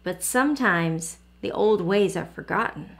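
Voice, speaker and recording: A proud old grandmother drawls her homespun folksy speech slowly, drawing words out as she muses over her quilt, put on by a woman reading a storybook aloud. She sounds older and gentle, speaking at an unhurried pace. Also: mid-range voice, animated. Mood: fond. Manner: folksy dialect speech, slow and drawn out.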